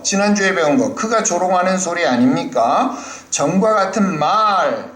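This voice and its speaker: A man's voice: fairly high pitch, a bit bright, roomy sound. A male pastor preaching a sermon in a church, speaking animatedly and asking the congregation questions. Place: church hall.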